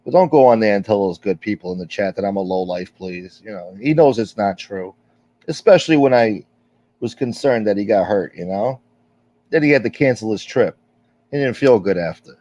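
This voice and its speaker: Reading viewer comments on his livestream, a middle-aged man chats casually, rambling and candid, with frequent fillers and curse words. He has a warm, expressive, fairly low voice and speaks at normal speed. The audio is dull and lo-fi.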